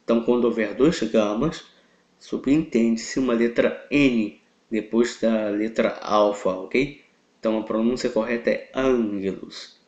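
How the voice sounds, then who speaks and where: A man with a Brazilian Portuguese accent teaching a live online class, patient and checking in with "ok?" after nearly every point, clearing his throat and coughing now and then. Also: lowish voice, darkish tone. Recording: roomy, dull lo-fi sound.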